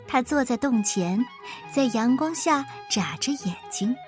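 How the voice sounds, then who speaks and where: A woman narrating a children's picture book with gentle, expressive storytelling. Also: a little high, unhurried, soft background music. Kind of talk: picture-book read-aloud.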